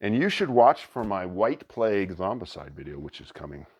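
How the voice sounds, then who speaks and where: Chatty man with a lively voice. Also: sits low, normal speed, background noise. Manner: chatty and excited, thinking aloud. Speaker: board game reviewer and channel host. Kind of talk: casual unboxing commentary.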